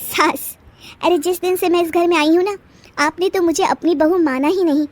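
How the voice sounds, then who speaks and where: A woman voicing a feisty young wife who answers back with sharp, sarcastic retorts in a storybook tale. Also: very high-pitched, fairly even intonation, normal speed, faint music behind, voice pushed up. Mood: defiant. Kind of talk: storybook voice acting.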